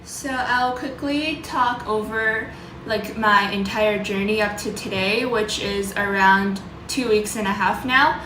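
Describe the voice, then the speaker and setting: A woman vlogger talking informally about her own experience, loosely worded and pausing to search for words. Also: mid-range voice, sharp tone, echoey room, slight background noise, low-quality recording. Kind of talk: casual vlog talk, sharing personal experience and tips.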